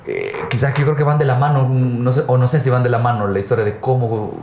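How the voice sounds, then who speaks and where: A man with a Salvadoran accent co-hosts a casual podcast and asks his guest halting, roundabout questions. His voice sits at a middle pitch. A faint noise hangs behind him. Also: darkish tone. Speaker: podcast co-host. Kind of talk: casual interview.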